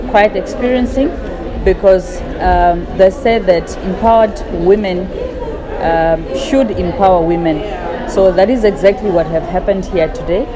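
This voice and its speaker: A woman's voice: on the low side, poor audio. A woman from Namibia, giving an earnest, formal testimonial at a conference. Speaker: foundation founder, summit attendee. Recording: busy crowd noise behind.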